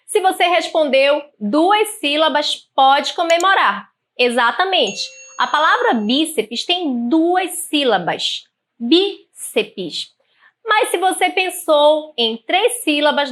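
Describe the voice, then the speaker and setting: A woman teacher with a Brazilian Portuguese accent leads an online grammar lesson in a high, bright voice. She speaks in a clear, didactic way and slows down to sound out syllables one by one.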